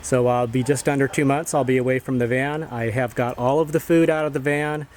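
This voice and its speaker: A man's voice: medium pitch, fairly even intonation, a little fast, a little mellow. A man talking casually to camera as a travel vlogger, giving updates on his trip. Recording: faint background noise on location.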